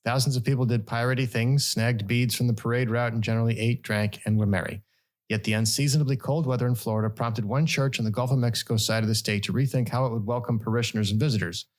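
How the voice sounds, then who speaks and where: A man's voice: steady tone, fast. Man, middle-aged, podcast co-host, reads news, wry jokey asides. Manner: wry, jokey delivery with sudden pitch jumps. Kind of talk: casual chat, reading news aloud.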